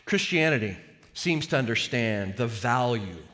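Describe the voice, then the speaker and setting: A man's voice: medium pitch, animated, a little slow, sharp tone, big-room sound. A male pastor giving a sermon in an earnest, conversational way, speaking to a church congregation. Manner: earnest, conversational preaching with varied emphasis. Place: church sanctuary.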